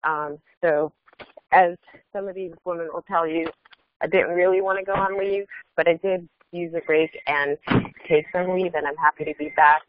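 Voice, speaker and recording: A woman giving a report on a group call from her car, talking in halting bursts with many filler pauses, heard through a muffled Bluetooth headset mic. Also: on the low side, steady tone. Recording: muffled dull headset audio.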